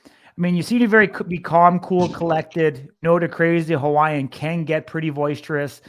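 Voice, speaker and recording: Male sports interviewer, slightly high voice, conversational, wordy and rambling with his questions. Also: fairly even intonation, normal speed.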